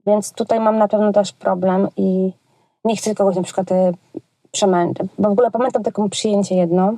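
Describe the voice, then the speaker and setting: A woman from Poland chats freely about her work as a children's entertainer, piling up hesitations and colloquial asides. Her voice is mellow and warm. The sound is dry, close, with no room in it. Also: medium pitch, fairly even intonation, a little fast, no echo. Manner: chatty and colloquial, frequent hesitations. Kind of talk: casual interview chat.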